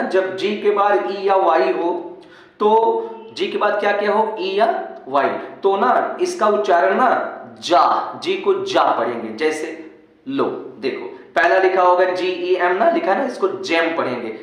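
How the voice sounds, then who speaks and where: A man teaching English pronunciation rules in a lesson, repeating each rule slowly and asking often whether the class understands. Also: fairly high pitch. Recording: very echoey room.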